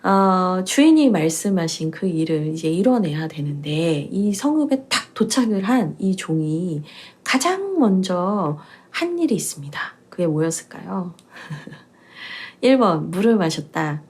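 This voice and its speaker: A woman's voice: on the low side, big pitch swings, measured pace, darkish tone, husky. A woman pastor giving a chatty, playful Bible teaching talk, asking her listeners questions along the way.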